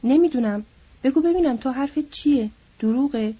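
A woman's voice: high voice, husky, lo-fi sound. A woman voicing a big, simple-minded man who insists anxiously and pleads, in an audiobook.

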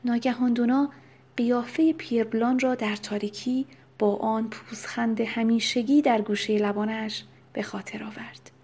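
A woman narrating a novel in a soft, unvoiced whisper with steady, even reading. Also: fairly high pitch, husky. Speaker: audiobook narrator. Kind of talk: whispered storytelling.

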